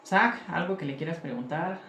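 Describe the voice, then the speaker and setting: Male moderator, conversational, fairly high pitch, roomy sound. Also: moderate pace, fairly bright tone, slight background noise. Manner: conversational, asks for agreement with "¿no?". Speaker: moderator and literature teacher. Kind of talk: moderating a discussion. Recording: echoey room.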